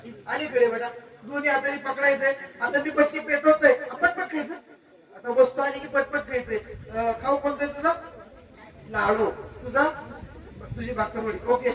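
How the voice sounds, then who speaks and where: A man with a Marathi accent, a stage magician giving loud drill commands to children at a live show. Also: extremely high pitch. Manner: commanding, counts and barks drill orders. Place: outdoor birthday event. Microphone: handheld stage mic. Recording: echoey crowd, far from mic.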